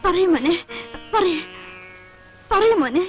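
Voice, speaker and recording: An actress playing a gentle mother who soothingly coaxes her little son to speak, in film dialogue. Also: very high voice, expressive, takes it slowly, faint music behind, exaggerated voice. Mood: coaxing. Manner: soothing, repeatedly urging. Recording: dull, muffled old film audio.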